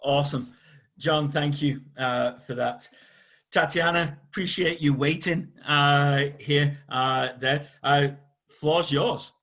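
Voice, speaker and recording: A man moderating a career webinar panel, speaking haltingly with many "uh"s. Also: on the high side, fairly even intonation, fairly bright tone. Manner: halting, heavy on "uh".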